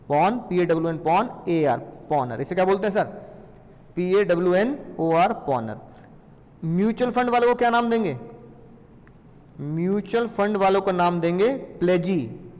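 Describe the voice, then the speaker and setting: A man teaching a lively class in a playful way, often asking questions and answering them himself. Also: sits high, in a large hall. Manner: playful, asks and answers his own questions.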